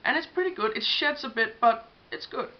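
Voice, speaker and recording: Fairly quick and expressive, her voice sits on the high side as this young Danish vlogger walks through her makeup brushes in English, her second language. She's casual and hesitant, saying um often, and the home recording is dull and lo-fi with a faint hiss.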